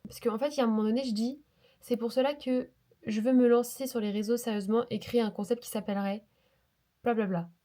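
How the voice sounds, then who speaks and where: Here's a slightly high, mellow female voice, steady in tone and quick in pace, sounding nasal from a cold. She's vlogging casually, rambling and poking fun at herself, with a lapel mic feeding her phone.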